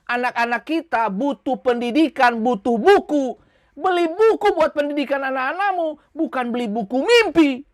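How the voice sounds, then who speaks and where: Woman preacher, high and emphatic, dry close sound, scolds with rhetorical questions. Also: dry recording. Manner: acts out quoted voices in short skits. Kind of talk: sermon.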